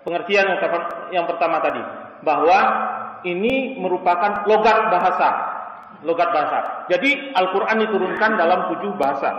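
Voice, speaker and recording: Bright-voiced man lecturing in an echoey hall. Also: high voice. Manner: explains with everyday dialect examples, frequent "ya" check-ins. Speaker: Quran studies lecturer. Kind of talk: classroom lecture on Quran sciences. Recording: echoey hall, voice far from the mic, dull sound.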